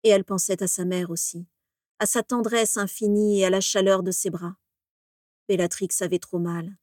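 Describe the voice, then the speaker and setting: Woman narrating a dark story. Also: mid-range voice, fairly even intonation, no echo, clean studio sound. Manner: measured, dramatic reading.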